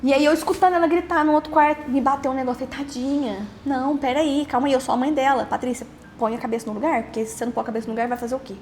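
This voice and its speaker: Young woman, Brazilian accent, rapid speech, halting personal testimony, repeats words. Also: sits high, steady tone, darkish tone, faint music behind. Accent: Brazilian Portuguese. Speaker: podcast host interviewed as guest.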